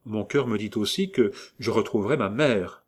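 A man's voice: moderate pace, lightly acted. A man reading aloud gives voice to a pious, anxious young woman, speaking in a raised, pleading tone. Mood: weary tender. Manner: pleading, emotional, raised pitch.

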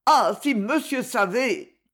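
A woman reading aloud as an old male servant, speaking slowly and haltingly with deep emotion. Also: animated, fairly bright tone, heavily acted. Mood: grieving.

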